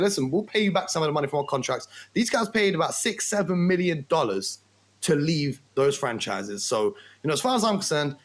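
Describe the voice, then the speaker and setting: A man on a sports talk show arguing his point with rhetorical questions and emphatic punches. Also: on the high side. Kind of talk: animated basketball debate.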